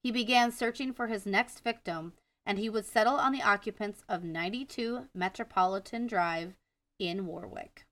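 A woman's voice: mid-range voice, moderate pace, fairly bright tone, dry recording, far from the mic. A woman with a Wisconsin accent co-hosting a casual true-crime podcast, reading the case from her notes and stumbling over names now and then. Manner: reads from notes, stumbles on names, laughs at herself. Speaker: podcast co-host.

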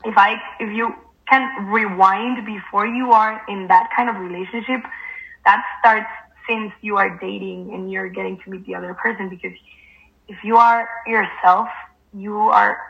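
A woman's voice: medium pitch, fairly even intonation, normal speed, gravelly, dull audio. A young woman whose first language is Spanish, speaking as a guest in a casual conversation, hesitant and earnest, filling her sentences with "like". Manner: hesitant, fills with "like" constantly, earnest.

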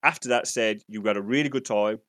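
A man's voice: lowish voice, brisk, a bit bright, no echo. A man co-hosting a gaming podcast, telling a story in a rambling, enthusiastic way. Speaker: podcast co-host. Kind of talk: casual storytelling chat.

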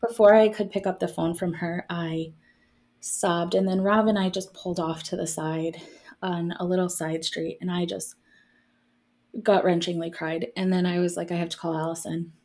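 A woman's voice: fairly low pitch, little pitch movement, moderate pace, a little mellow. A woman co-hosting a podcast, talking candidly in casual chat, laughing often and trailing off mid-sentence. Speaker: podcast co-host.

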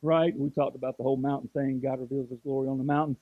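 A man's voice: medium pitch, little pitch movement, fast, no room sound, phone-quality sound. Man, 40s, pastor; storytelling sermon, repeats himself, dry close recording. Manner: storytelling, repeats words, builds to impassioned.

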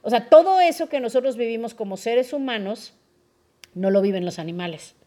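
A woman's voice: fairly high pitch, brisk. A young woman with a Mexican accent, hosting a podcast in a casual, explaining way and often checking in with her listeners. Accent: Mexican Spanish. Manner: lively, asks listeners questions often. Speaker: podcast host.

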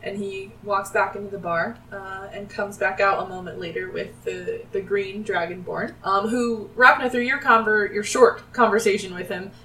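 A woman narrating a tabletop game as the game master, animatedly acting out the characters' shouts. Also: mid-range voice, fairly even intonation, moderate pace, few pauses, slight background noise. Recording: roomy, distant from the mic.

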